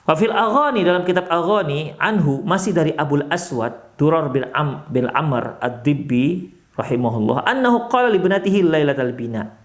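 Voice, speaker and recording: A male Islamic preacher from Indonesia with a Medan accent, giving a sermon in a mosque. He talks in an animated way, climbing sharply for emphasis and then dropping low and soft. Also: moderate pace. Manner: animated, rises sharply in pitch for emphasis, drops low and soft when counselling.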